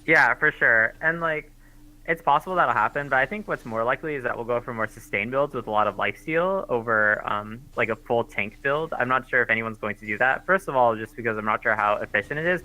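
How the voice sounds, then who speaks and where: A man's voice: medium pitch, fairly quick, bright, forceful tone, rough recording. A man giving casual, hesitant color commentary on a live esports match, with lots of fillers.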